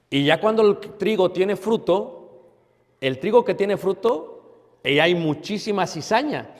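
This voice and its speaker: A man preaches in a fairly high voice, with a long echo from the church hall around him. He fires rhetorical questions at the congregation and answers them himself. His voice swings from forceful to a near hush. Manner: emphatic, with rhetorical questions and sudden drops to a hush. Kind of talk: sermon.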